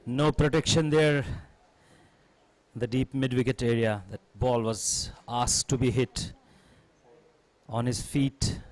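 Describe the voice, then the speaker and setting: A man's voice: medium pitch, fairly even intonation, slow pace, pauses often, no echo. A man doing live cricket commentary as a co-commentator, in short, clipped phrases.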